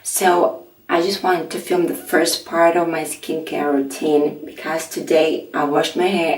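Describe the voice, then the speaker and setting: A middle-aged woman with a raspy early-morning voice, chatting softly through a skincare tutorial and filling her pauses with "um". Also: deep voice. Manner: soft-spoken, chatty, with frequent fillers. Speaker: beauty vlogger. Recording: echoey room, mic at a distance.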